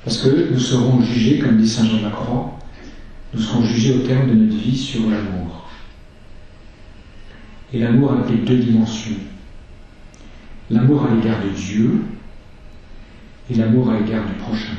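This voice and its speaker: A man giving a sermon, teaching in a slow, measured way and reading scripture aloud. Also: lowish voice, steady tone, dark tone, muffled recording. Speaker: preacher. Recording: echoey church from far off.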